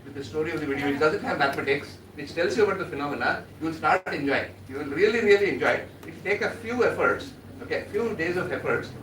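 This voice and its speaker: A man's voice: fairly high pitch, lively intonation, rapid-fire, hardly any pauses, fairly bright tone. A man with an Indian accent from Karnataka moderating a panel, giving informal, encouraging closing remarks and often repeating himself. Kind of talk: informal closing remarks, mixing English with Kannada. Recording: echoey hall, audience noise, distant mic.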